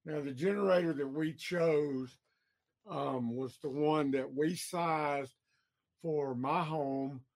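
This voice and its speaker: Man from georgia doing his electrician podcast, slow and halting, fillers everywhere. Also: fairly high pitch, darkish tone. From Georgia, USA. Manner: slow, halting, many ums and uhs. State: has the hiccups. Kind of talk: casual explanatory podcast.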